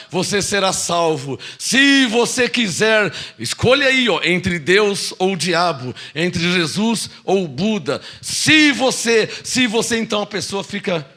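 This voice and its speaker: A Brazilian man preaching a sermon as pastor, swinging from quick asides to slow, drawn-out shouted proclamations. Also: sits high, sing-song. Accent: Brazilian Portuguese. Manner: mimics doubting listeners in a small mocking voice.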